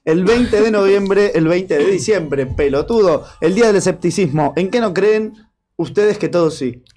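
A man's voice: high voice, animated, dark tone. A man with a Rioplatense Argentine accent hosting a casual studio chat, playful and teasing as he quizzes his co-hosts, bothered by hiccups. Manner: playful, teasing, quick to banter. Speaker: show host.

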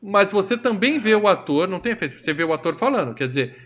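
A man's voice: high voice, sing-song, fast, a bit bright. A Brazilian man hosting a casual podcast chat, retelling film scenes with joking acted quotes. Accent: Brazilian Portuguese. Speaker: podcast host. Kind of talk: casual movie review chat.

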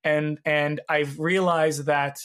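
A man hosting a podcast in casual interview chat, his voice hoarse, raspy and gravelly from laryngitis. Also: fairly high pitch, little pitch movement, takes it slowly, fairly bright tone. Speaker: podcast host. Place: home guest bedroom or office.

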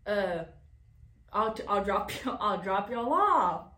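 A woman's voice: mid-range voice, big pitch swings, slow pace, bright, forceful tone, reverberant, full character voice. A woman voicing a pushy adult male stranger, coaxing and overly friendly.

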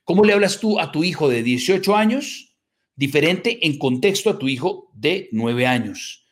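Middle-aged man, slightly raised pitch, motivational workshop speaker, emphatic and rhetorical. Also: animated, moderate pace. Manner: emphatic lists and rhetorical tag questions. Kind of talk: motivational lecture to a live audience.

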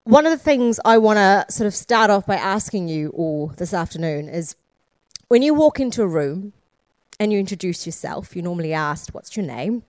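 Her mid-range voice is expressive and darkish, at a moderate pace, and the recording is dry. She's a founder delivering a conference keynote, leaning on rhetorical questions and emphatic repetition; she was born in Sri Lanka and grew up in Scotland and New Zealand.

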